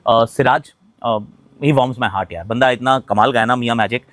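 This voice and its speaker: A man's voice: mid-range voice, moderate pace, fairly bright tone, no room sound. A man giving a casual cricket reaction, mixing Hindi and English with emphatic points and frequent hesitant fillers. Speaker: cricket commentator.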